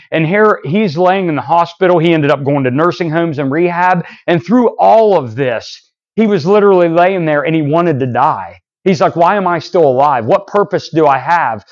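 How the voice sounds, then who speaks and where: In a church, a man with a fairly high voice preaches at a moderate pace, and the recording is muffled. His sermon is a long, rambling story full of restarts and repeated "so anyways," and he acts out the dialogue of the people in it.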